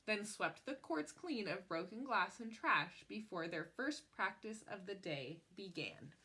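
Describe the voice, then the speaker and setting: Reading aloud from a picture book, a woman uses a mid-range, slightly rough voice and an expressive storytelling style. Her phrasing is measured, with emphasis placed on important words.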